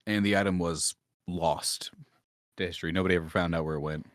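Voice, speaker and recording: Game master, male, very low voice, rambling delivery with restarts, dry close sound. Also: steady tone, brisk, no room sound. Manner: rambling, thinks aloud with many restarts. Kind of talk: narrating a tabletop game.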